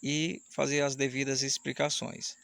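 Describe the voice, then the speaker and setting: Gravelly-voiced male teacher explaining syllables. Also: mid-range voice, flat delivery, fairly bright tone, dry recording. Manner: explanatory, slows down to spell out syllables. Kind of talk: online Portuguese grammar lesson. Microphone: camera mic, camera switched off.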